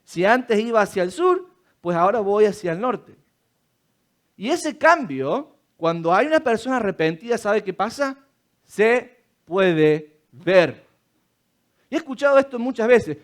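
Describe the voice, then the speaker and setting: A man with a high voice preaching a church sermon. He pushes his points hard, asks his listeners rhetorical questions and acts out little quotes along the way. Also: very animated, measured pace. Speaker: pastor.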